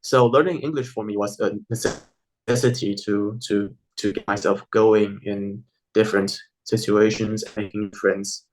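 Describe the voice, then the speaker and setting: A man's voice: on the low side, fairly even intonation, a little slow, poor audio. Hesitant young man with a Taiwanese accent. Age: young adult. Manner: hesitant, many fillers and restarts. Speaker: interview guest. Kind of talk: casual interview answers.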